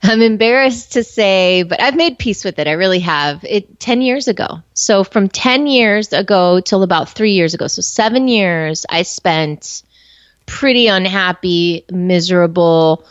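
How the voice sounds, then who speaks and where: A woman's voice: medium pitch, unhurried, clean tone, no room sound. A woman in her forties, born in Colombia and raised in the United States, speaking candidly as an interview guest with frequent fillers. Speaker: guest entrepreneur. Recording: slightly muffled, dry recording.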